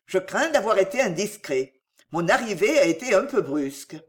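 A woman reading the part of an agitated, jealous young gentleman, tense and commanding in manner. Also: medium pitch, very animated, normal speed, lightly acted.

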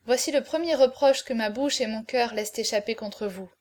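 A grave, noble hero facing his death speaks in solemn, measured sentences, read by a woman. The voice sits fairly high for the part and stays calm. It suits a classic adventure audiobook. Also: lightly acted. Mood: tender. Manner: solemn, measured farewell speeches. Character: noble condemned male hero, grave and tender. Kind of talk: audiobook character reading.

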